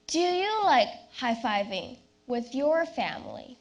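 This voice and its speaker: Young woman, high voice, slow deliberate pace, memorized contest speech, theatrical storytelling, dramatic pauses. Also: sing-song, lo-fi sound. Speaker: youth speech competition contestant. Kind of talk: rehearsed competition speech, personal storytelling.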